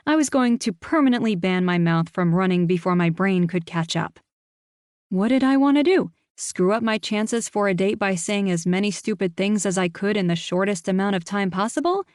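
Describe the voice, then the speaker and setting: A woman reading a cozy mystery audiobook in the first person, with animated, self-mocking storytelling. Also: mid-range voice, no echo, studio quality. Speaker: audiobook narrator.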